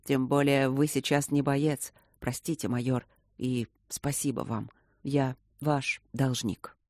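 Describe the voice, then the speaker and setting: A man's voice: medium pitch, little pitch movement, slow, darkish tone, dry recording, clean studio sound, close to an everyday voice. A man voicing a resolute male commander. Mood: firm. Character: resolute male military commander giving orders.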